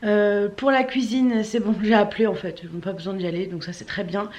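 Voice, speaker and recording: A woman's voice: mid-range voice, fairly even intonation, brisk, a little mellow. A woman vlogger talking casually and informally to her viewers. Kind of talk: casual vlog chat to camera.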